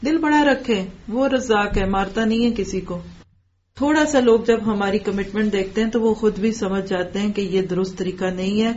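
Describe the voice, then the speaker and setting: A woman teaches a Quran commentary lesson in a mid-range voice. She recites each verse slowly, then explains it plainly and turns to her listeners with direct questions. The recording is dull and lo-fi. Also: mid-range voice, a little mellow.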